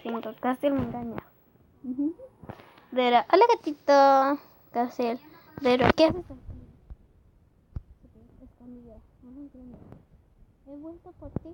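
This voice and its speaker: A woman reads her own fan story aloud in a high voice, taking her time over the words. She acts out each character, jumping from loud outbursts to hushed whispers. A faint hiss sits under the recording. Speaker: vlogger reading her own fanfic.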